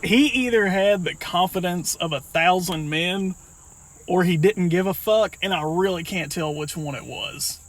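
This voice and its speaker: A man's voice: high-pitched, unhurried. A man telling an anecdote in a casual chat, laughing through his own stories.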